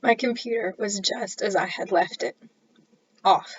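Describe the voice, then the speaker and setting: A woman, an author, reading her own mystery story aloud in a playful, animated way. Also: medium pitch, unhurried, breathy edge, no echo. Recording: dull lo-fi recording.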